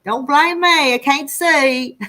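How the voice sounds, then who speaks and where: Her voice is high-pitched, pushed, and bright. A livestream host in her sixties from the Arkansas Ozarks foothills in the United States, she talks casually to live viewers in a rural Southern Ozark country accent, folksy, homespun, and rambling.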